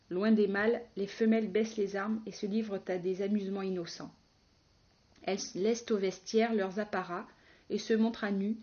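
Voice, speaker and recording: A woman reads a first-person novel aloud in a wry, ironic, measured way. Her voice sits at a middle pitch, and the recording is a bit dull and lo-fi. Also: warm tone. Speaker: audiobook narrator.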